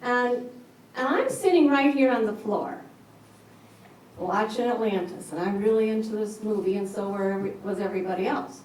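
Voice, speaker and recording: A woman giving a personal storytelling talk at a retreat, animated and acting out what others said. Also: medium pitch, normal speed. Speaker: speaker at a yoga retreat. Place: large echoey retreat hall. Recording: echoey hall from far off, faint hiss.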